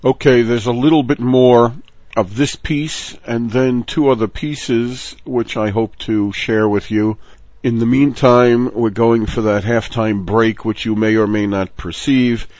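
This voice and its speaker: A man's voice: medium pitch, fairly even intonation, measured pace, a little mellow. Man teaching Torah, lo-fi recording. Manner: conversational, digressive, tells jokes. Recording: dull lo-fi audio with faint hiss.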